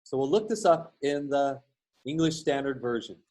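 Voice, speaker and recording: A male instructor giving a recorded lesson while sharing his screen, explaining patiently and often pausing on fillers and restarts. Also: medium pitch, expressive, darkish tone. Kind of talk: recorded lecture with screen share.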